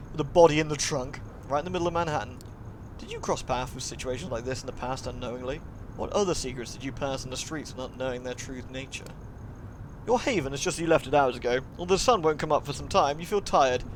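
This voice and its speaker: With a little hiss or hum on the recording, a man streams a visual novel in a mid-range voice. He reads the narration out dramatically, now and then breaking into playful, chatty asides to the people watching.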